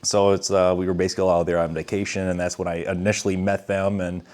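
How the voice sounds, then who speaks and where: A man with a low voice co-hosts a casual podcast chat. He wanders through a long story, beating around the bush, chuckling as he goes and swearing now and then. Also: flat delivery, quick pace, darkish tone. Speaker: podcast co-host.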